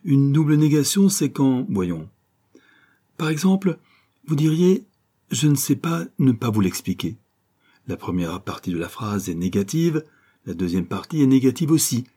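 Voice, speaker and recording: A man's voice: medium pitch, very animated, moderate pace, dark tone, slightly rough, voice pushed up. A man reading an audiobook, voicing a refined, earnest young woman who patiently corrects someone's speech. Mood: explaining.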